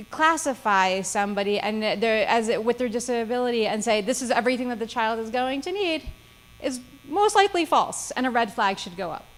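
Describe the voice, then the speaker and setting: A woman's voice: a little high, low-quality recording. A woman lawyer giving a seminar lecture, with frequent "okay?" check-ins and dry sarcasm. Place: seminar room.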